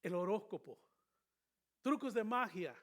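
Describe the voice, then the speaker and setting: A man with a notably high voice teaches a Bible study the way a preacher delivers a sermon. He hammers key words loudly, then sinks into hushed asides, and slips English phrases into his speech. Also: lively intonation, measured pace. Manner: emphatic, swings between loud stresses and quiet asides; drops short English phrases into his Spanish.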